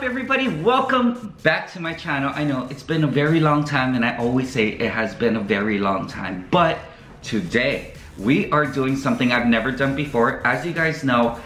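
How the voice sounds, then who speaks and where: A man's voice: medium pitch, fairly bright tone. A man hosting a casual vlog, chatty and joking, with many ums as he talks to his viewers. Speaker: vlogger host. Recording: echoey room with faint music.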